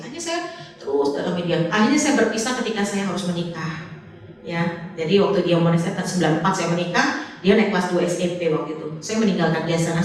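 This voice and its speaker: A middle-aged woman telling a lively personal story in a church talk, acting out the dialogue as she goes. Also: mid-range voice. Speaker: Sunday school teacher and guest speaker. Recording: echoey hall, voice from far off.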